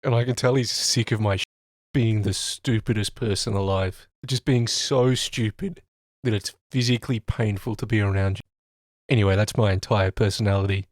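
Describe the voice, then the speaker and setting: A young man casually telling an animated, self-mocking anecdote about his retail job. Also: on the low side, dry recording, clean studio sound. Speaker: retail worker.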